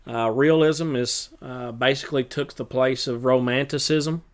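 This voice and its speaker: A male teacher talking through a chapter review for his students, relaxed and loose, with plenty of filler uhs. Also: medium pitch, normal speed, clear, resonant tone. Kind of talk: recorded review lesson.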